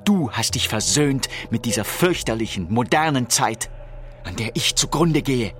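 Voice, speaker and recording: A man's voice: medium pitch, animated, normal speed, fairly bright tone, natural voice. An actor playing a proud, tormented, deranged king in a theatrical, declamatory radio play monologue. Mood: bitter, accusing. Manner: theatrical, declamatory, swinging from whispers to outcries.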